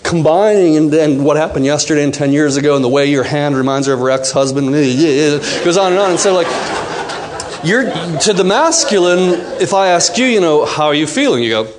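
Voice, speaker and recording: Animated man teaching a live seminar. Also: on the high side, moderate pace, noisy background. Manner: animated, acts out quotes, asks the audience questions. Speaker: workshop teacher. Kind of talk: live seminar talk to an audience.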